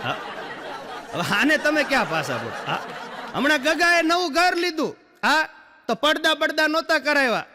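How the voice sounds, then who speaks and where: Guy doing standup, really high sharp voice, echoey hall. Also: big pitch swings, moderate pace, pauses often, noisy background. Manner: punchy joke-telling with rhetorical asides to the crowd. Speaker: stand-up comedian. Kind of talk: live stand-up storytelling. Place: live stage show.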